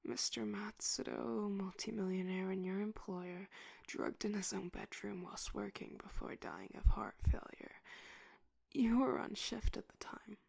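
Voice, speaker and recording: A woman playing a stern, condescending tough-cop detective in an interrogation, in a whispered role-play with a breathy voice and slow, intimidating delivery. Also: medium pitch, expressive, a little mellow, dry recording, exaggerated voice. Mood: curt, impatient.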